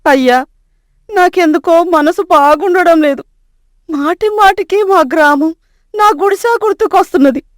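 A woman's voice: very high-pitched, measured pace, no echo, studio quality. A woman voicing a poor, homesick old village grandmother in a storybook tale, with a pleading, aged manner. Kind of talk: storybook voice acting.

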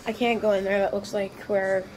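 A female vlogger talking to viewers in a nervous, hushed night-time manner while exploring indoors on a handheld camera. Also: medium pitch, little pitch movement, fairly quick. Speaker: vlogger hosting a challenge video. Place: indoors in hotel hallways. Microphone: handheld phone camera, walking. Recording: handheld recording with background noise.

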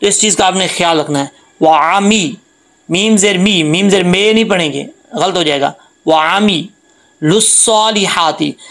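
A man teaching Quran tajweed, explaining letter sounds patiently and repeating them slowly. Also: a little high, gravelly, a bit bright, rough recording. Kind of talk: Quran tajweed lesson with recitation.

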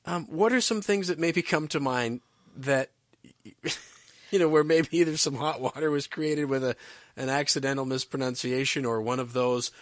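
A man's voice: medium pitch, moderate pace, no room sound, clean studio sound. A man hosting a podcast interview, asking long, rambling questions with chuckles. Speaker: podcast host. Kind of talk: casual interview.

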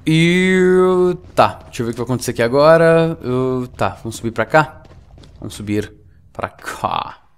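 A man doing live gameplay commentary, excitable, swearing and yelling at the enemy. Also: on the high side, moderate pace, clean tone. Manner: excitable, swears and yells at the boss. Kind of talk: live let's-play commentary.

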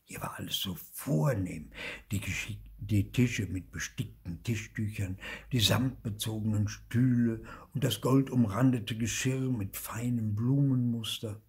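An older man reading a children's book aloud in German, telling the story slowly and with animation. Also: lowish voice, creaky, husky. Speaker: storybook reader.

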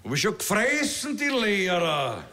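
A man's voice: high-pitched, huge pitch swings, a little slow, pushed and bright, full character voice. A man playing a bullying army major who barks and sneers at recruits, in a Viennese accent. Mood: barking. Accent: Viennese Austrian German. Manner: barking, sneering, scolding. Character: bellowing Austrian army major, bullying drill officer. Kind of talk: stand-up comedy, acted-out quote.

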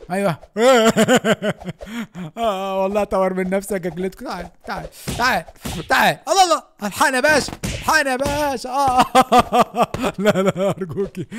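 A young man with an Egyptian Arabic accent giving excited gameplay commentary as a gaming YouTuber, often shouting and laughing. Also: sits high, a little fast, a little hiss or hum.

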